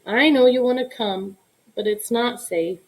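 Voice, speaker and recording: A woman reading a storybook as a gentle, loving young soldier, tender and reassuring. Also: fairly high pitch, unhurried, rough recording. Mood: tender, explaining. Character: gentle, loving young soldier saying goodbye to his bear.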